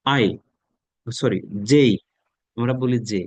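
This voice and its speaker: A man's voice: mid-range voice, moderate pace, dry recording, low-quality recording. A man with a Bangladeshi accent teaching an online pronunciation lesson, patiently drilling letter sounds and repeating each one many times.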